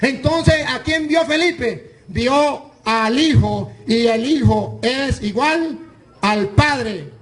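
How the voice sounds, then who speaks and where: High-voiced priest arguing scripture. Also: male voice, very slow. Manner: insistent, argumentative, reads scripture aloud. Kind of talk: heated religious debate.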